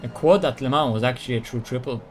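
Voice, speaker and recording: A man's voice: medium pitch, a little mellow, faint music behind. A man streaming a sim race, joking with teammates over voice chat and calling out hazards. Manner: joking, quick spotter calls. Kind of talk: casual team voice chat during a race.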